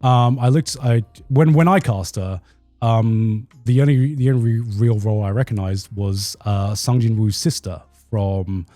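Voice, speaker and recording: A man chatting casually as he tells an anecdote, informal and quick to swear. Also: lowish voice, mellow, no echo, soft background music. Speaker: show host who cast an anime. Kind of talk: casual chat, telling an anecdote.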